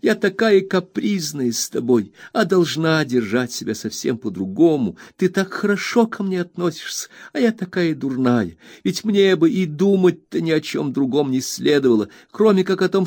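A man's voice: sing-song, takes it slowly, creaky, no room sound, clean studio sound, full character voice. A man voicing a sobbing, pleading young woman. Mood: sobbing plea. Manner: sobbing, high-strung pleading.

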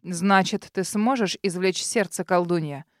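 A woman's voice: on the low side, unhurried, no echo, clean studio sound, pitched below the performer's own voice, close to an everyday voice. A woman doing a cold, haughty dragon lord. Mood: cold commanding. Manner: cold, commanding.

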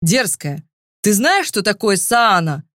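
A woman's voice: medium pitch, sing-song, takes it slowly, fairly bright tone, dry recording, studio quality. A woman voicing a mocking young male dragon prince in an audiobook, speaking in a sneering, taunting way.

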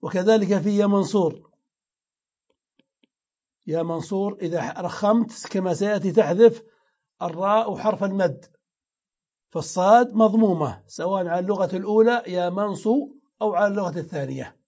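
A high-pitched man teaches a grammar lesson, stopping to repeat each example word aloud as he explains it. His voice is mellow and soft-edged. The lecture recording is dull and lo-fi. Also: fairly quick, pauses often.

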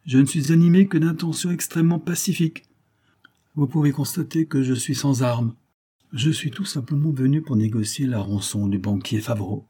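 A man playing a calm, imperious avenger. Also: medium pitch, moderate pace, slightly rough, pitched above the performer's own voice, natural voice. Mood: commanding. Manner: incisive, imperious. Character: calm, commanding male avenger of great authority.

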